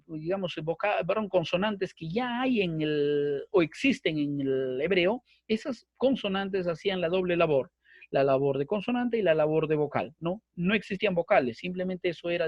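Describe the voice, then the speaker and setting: A man's voice: sits high, no room sound, muffled recording. A man teaching a bible course online, explaining at length and repeating himself, with frequent fillers. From Peru. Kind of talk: online lecture. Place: online class with screen sharing.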